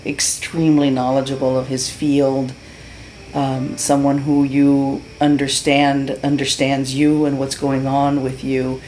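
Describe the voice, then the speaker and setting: A middle-aged Cuban woman gives an unscripted patient testimonial, earnest and heartfelt, stumbling through many fillers and restarts. Her voice is deep, bass-range, with a darkish tone, and the audio is poor.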